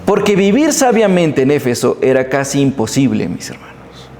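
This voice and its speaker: A man preaching a sermon in a church, telling the story with animated emphasis and speaking straight to the congregation. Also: mid-range voice, normal speed, slight background noise. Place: church hall. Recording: echoey church hall.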